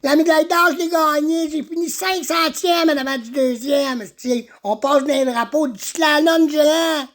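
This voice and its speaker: A man playing an excitable, giggly young man with a Quebec French accent, proud of his medals. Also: very high-pitched, moderate pace, few pauses, voice pushed up.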